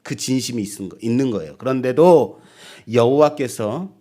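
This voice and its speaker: Animated, high-pitched male pastor preaching. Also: normal speed. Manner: asks the congregation rhetorical questions; animated, acts out quoted speech. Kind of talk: sermon.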